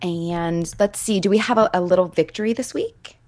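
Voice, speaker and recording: A woman's voice: on the low side, moderate pace, a little mellow. A young adult woman hosting a podcast, chatting casually and reading announcements in a conversational way. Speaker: podcast host.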